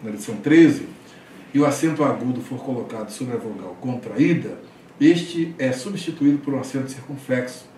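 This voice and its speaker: A man's voice: medium pitch, warm tone, a little hiss or hum. A man teaching a class, explaining step by step and often checking in with the students. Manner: explanatory, frequent "tá?" checks, hesitant restarts. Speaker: Greek teacher. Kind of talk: classroom lecture. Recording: echoey room, voice from far off.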